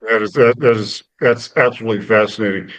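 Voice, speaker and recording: A man's voice: lowish voice, steady tone, a little fast, fairly bright tone, muffled recording. A man hosting a podcast, asking casual, rambling questions of his guest. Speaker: podcast host.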